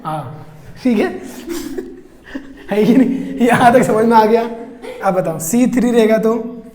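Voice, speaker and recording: An Indian man lectures a chemistry class at an unhurried pace, joking with and quizzing his students. His voice rings off the walls of an echoey classroom. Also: very high voice, animated, darkish tone. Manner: playful, teasing, counts aloud and quizzes students. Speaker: chemistry teacher.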